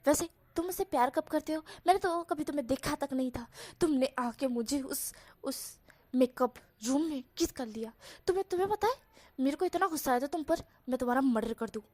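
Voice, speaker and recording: A woman's voice: sits high, a little fast, a little mellow, close to an everyday voice. Woman doing a sassy, hot-tempered young man. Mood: indignant. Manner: scolding, teasing, exaggerated complaints. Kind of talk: storybook voice acting.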